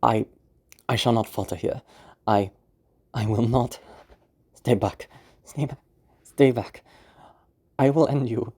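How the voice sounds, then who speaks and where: A man's voice: mid-range voice, takes it slowly, pauses often, darkish tone, slightly rough. A man doing a blustering count who cracks. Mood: panicked. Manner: blustering, then stammering and panicked. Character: boastful adult male count losing his nerve.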